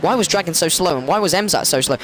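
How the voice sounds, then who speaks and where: A man commentating an online racing league race, excitable and rambling, often correcting himself and rising in pitch during crashes. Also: fast talker, slight background noise.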